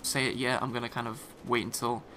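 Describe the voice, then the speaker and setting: Brisk and barely moving in pitch, a man's medium voice carries a scratchy, irritated edge. He's a gaming commentator doing rambling, offhand voice-over riddled with fillers and restarts, mixed against loud game explosions and gunfire.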